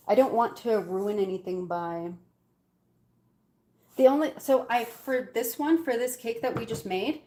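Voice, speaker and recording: Here the woman's voice sits in the mid range with a darkish tone. An Arabic-speaking cooking vlogger with an Algerian Arabic accent, she chats casually while baking in her home kitchen, peppering it with fillers and lots of giggles.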